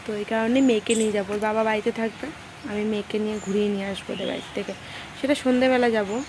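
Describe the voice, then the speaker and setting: A homemaker chats easily through her daily chores, keeping her voice low and hushed. Her pitch sits in a middling range, with no strain or drama. There is a faint hum of outdoor noise behind her. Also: fairly even intonation, rapid-fire. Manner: talks softly in a hushed voice. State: hot and sweaty. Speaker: lifestyle vlogger and homemaker. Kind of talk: casual chatty vlog narration. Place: rented village home, indoors and outdoors.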